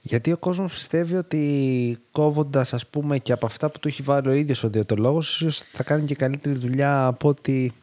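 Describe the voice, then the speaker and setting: A man with a mellow, mid-pitched voice hosts a relaxed podcast chat. He chips into the conversation and works through his thoughts out loud, pausing on small fillers. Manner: interjects, thinks aloud with hesitant fillers. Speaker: podcast host.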